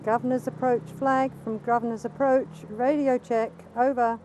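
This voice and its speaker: A woman's voice: on the high side, level tone, normal speed, darkish tone. A woman marshal reporting over a two-way radio in brief procedure, her voice fading in through static.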